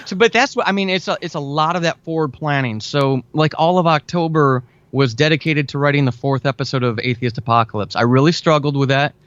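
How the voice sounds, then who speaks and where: Being interviewed as a guest, a man in his forties who writes fiction and audio drama chats casually, earnestly and enthusiastically. His voice is on the high side, brisk and fairly bright, with no echo, captured in dull, lo-fi, band-limited audio.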